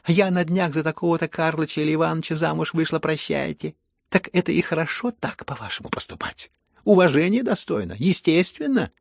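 A man reading a furious, hysterical elderly noblewoman who scolds everyone around her, in shrill raised bursts. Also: vocal fry, slightly rough, no room sound, clean studio sound, heavily acted. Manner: shrill scolding outbursts, rising to shouts.

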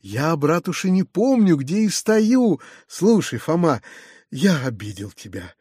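A soft-hearted old colonel pours out his feelings in eager, rising exclamations, as a male reader acts him out. His voice lifts high and carries, recorded close and dry for a storybook reading. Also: sing-song, measured pace, husky, dry recording, full character voice. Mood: rapturous. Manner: exclaiming, warm-hearted, effusive. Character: kind-hearted, effusive retired colonel.

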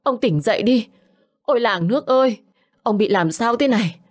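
A woman's voice: fairly low pitch, normal speed, close to an everyday voice. A woman voicing a frantic older village wife, crying out and wailing for help in a Vietnamese folk tale.

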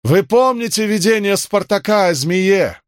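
A man's voice: high voice, animated, a little slow, dry recording, voice pushed up. A commanding priestess from a storybook, declaiming in a raised, lofty voice. Every phrase is drawn out and exalted. A man acts her out in a dry, close recording. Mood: exalted proclaiming. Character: commanding female priestess, fervent prophetess.

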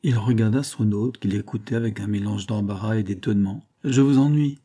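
A man with a lowish voice reads a classic novel as an audiobook, narrating in a measured, even storytelling manner.

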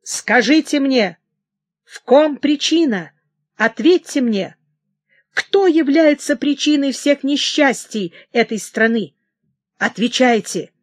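A woman reading the part of a furious, unhinged young king who shouts in hysterical outbursts. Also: a little high, big pitch swings, slow, no echo, studio quality, heavily acted. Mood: raging.

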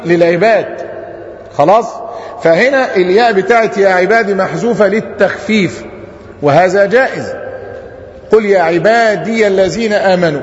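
An Egyptian man gives a classroom grammar lesson in a notably high voice. He draws out each quoted verse slowly and keeps checking with rhetorical questions. The recording is dull and muffled, with long reverb from a big hall. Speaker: Islamic scholar teaching.

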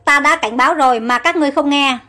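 A woman's voice: high-pitched, fast talker, bright, forceful tone. A woman voicing a fierce, hot-tempered young prince who speaks in angry threats, in a read-aloud story.

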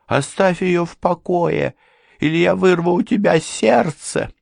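A panicked, childlike madman who begs and pleads. The voice sits very high and thin, with a clean, dry sound. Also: unhurried, gravelly, darkish tone, no echo, heavily acted. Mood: threatening. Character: frightened mad young man, childlike.

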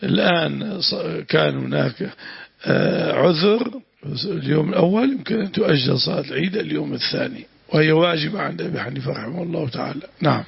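Gravelly husky sheikh teaching. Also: male voice, fairly high pitch, dry recording. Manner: deliberate, repeats phrases, adds short prayers. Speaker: sheikh teaching Quran commentary. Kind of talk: traditional religious lesson, explaining and correcting. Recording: dull, dry lo-fi room recording.

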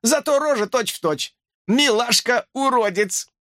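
A man doing a shrill, crude teenage boy. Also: animated, takes it slowly, no room sound, clean studio sound, full character voice. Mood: mocking. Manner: shrill falsetto, loud and boisterous. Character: crude excitable teenage boy nicknamed Hamster.

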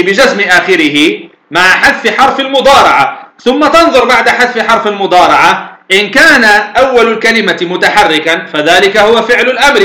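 A man's voice: high voice, bright, forceful tone. A man teaching as a sheikh in a recorded lecture, patiently explaining and posing then answering his own questions. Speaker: sheikh teaching Arabic morphology. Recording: echoey room.

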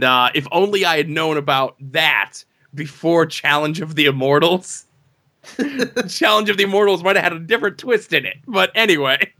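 A man with a bright, fairly high voice tells a long story in casual podcast chat. He rambles, stacks up "like"s and tag questions, and now and then slips into quick mock voices.

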